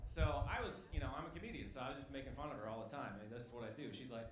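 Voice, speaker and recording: Wry stand-up comic in a noisy club. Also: male voice, mid-range voice, rapid-fire. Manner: wry, punchy, talks to the crowd. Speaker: stand-up comedian. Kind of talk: stand-up comedy set. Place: comedy club stage. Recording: echoey club with loud crowd noise.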